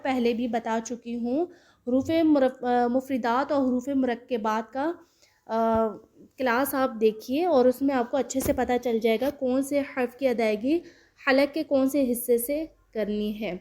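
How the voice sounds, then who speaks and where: A woman with a Pakistani Urdu accent giving an online Quran reading lesson, patiently drilling each syllable slowly and repeating it. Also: high voice, a little mellow. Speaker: Quran recitation teacher.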